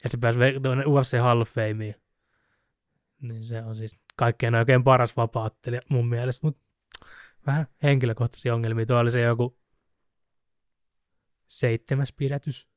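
A man casually chatting on a podcast, telling a story with animated retellings. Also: mid-range voice, pauses often, clean tone, no echo, studio quality. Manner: animated storyteller, mimics shouting with laughs. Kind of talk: casual chat about fighting sports.

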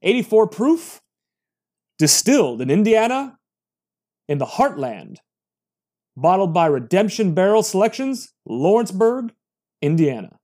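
A man putting on a booming announcer voice to read out formal product copy. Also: very animated, measured pace, long pauses, dark tone, heavily acted. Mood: grandiose.

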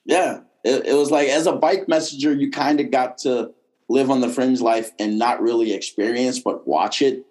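Man, mild Boston accent, casual conversation, blunt, profane, rambling delivery, mid-pitched voice. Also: moderate pace, darkish tone. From Boston, United States. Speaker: podcast guest, comedian and former bike messenger.

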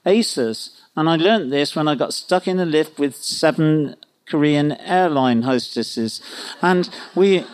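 A man's voice: fairly high pitch, a little slow. A man giving unscripted advice as an expert panellist, opinionated and wandering off into anecdotes.

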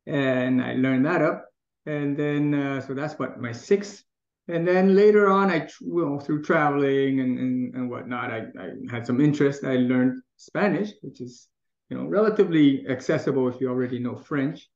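A middle-aged Taiwanese man speaks as a guest in a casual interview, his mid-range voice moving at a moderate pace with a darkish tone. He's thoughtful, restarting often and laughing easily. The room is echoey and the sound dull and lo-fi.

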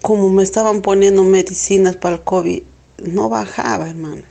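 A middle-aged woman telling an emotional personal testimony, halting and repeating words, with many filler questions. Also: medium pitch, fairly even intonation, gravelly, dark tone, a little hiss or hum. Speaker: testimony giver.

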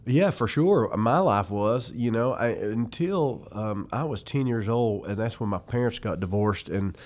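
A man in his forties from Western North Carolina, United States, reminisces casually as a musician guest in an interview. He has a Southern Appalachian accent and a lowish, slightly mellow voice that is animated yet measured in pace.

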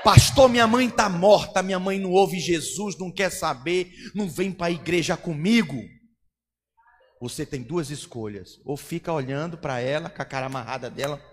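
A pastor preaches a Pentecostal sermon, dropping to soft, close asides and then rising to shouted declarations. His voice is high for a man. A long reverb from the church hall trails behind his words. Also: moderate pace.

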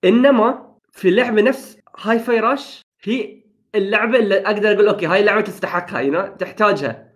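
A man's voice: sits high, quick pace, a bit bright. A young man in casual gaming chat, upbeat and enthusiastic, slipping English phrases into his talk. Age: young adult.

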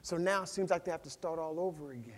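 A man preaching a sermon as pastor, telling the story with animated swings from loud to hushed. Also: fairly high pitch, fast. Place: church hall. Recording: long reverb of a large hall.

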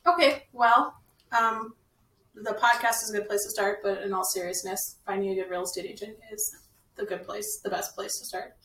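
A woman co-hosting a casual real estate podcast. She chats quickly and laughs often. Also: medium pitch, fairly even intonation, a bit bright. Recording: echoey room, distant mic, faint noise.

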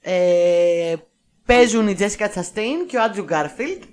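A woman's voice: medium pitch, lively intonation, darkish tone, smooth. A woman co-hosting a podcast, chatting casually about films and steering the talk back on track. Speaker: podcast co-host. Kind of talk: casual film review chat.

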